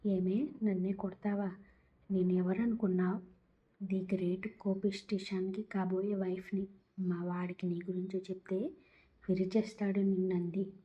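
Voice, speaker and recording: A woman's voice: medium pitch, flat delivery, normal speed, highs cut off, lightly acted. A woman doing a tipsy lovesick young woman. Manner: slurred, giggly pleading.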